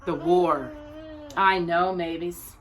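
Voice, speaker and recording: A woman with a lowish voice reads a children's picture book as a storyteller. Her narration is expressive, broken up by dramatic, deliberate pauses between brief phrases.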